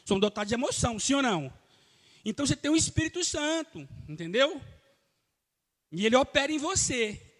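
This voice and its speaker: Pastor guy preaching hard to the church, high voice, lots of hall reverb. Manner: emphatic, calls out to the congregation. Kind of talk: live church sermon.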